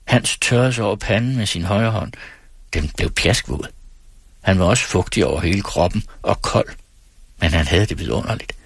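A man reading a novel aloud on the radio in a measured, grave style, close to the studio mic. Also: sits low, lively intonation, slightly rough, no echo.

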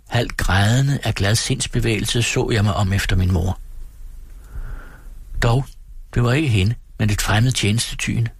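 A man with a low, husky voice reads a classic novel aloud on late-night radio. He tells the story in a calm, measured way from a studio. The sound is dry and close, with no room around it. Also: no room sound. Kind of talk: read-aloud literary narration.

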